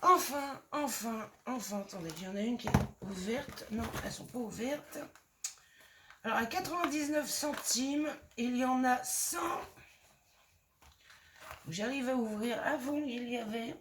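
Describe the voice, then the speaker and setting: A woman with a slightly hoarse voice, chatting casually and gushing as she shows off craft supplies in a haul video. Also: fairly high pitch, measured pace, noisy background. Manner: chatty and gushing, lots of fillers. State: voice a bit hoarse. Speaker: scrapbooking vlogger.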